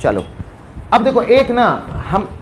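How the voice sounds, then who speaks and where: High-voiced playful teacher. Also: male voice, huge pitch swings, takes it slowly, slight background noise. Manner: playful, storytelling, quizzes students. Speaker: chemistry teacher. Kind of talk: classroom lecture. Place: classroom.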